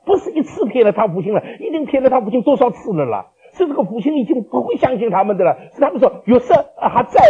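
A man preaching a sermon, asking rhetorical questions and swinging between loud, dramatic lines and quiet ones. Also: very high voice, breathy edge. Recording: lo-fi dull recording.

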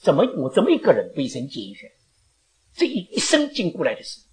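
An older woman talks to her congregation at a church gathering, her pitch leaping widely as she goes. She rambles, laughs often and drops in English phrases. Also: wildly swooping pitch, quick pace, darkish tone. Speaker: elderly church member giving thanks. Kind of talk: emotional speech to a congregation.

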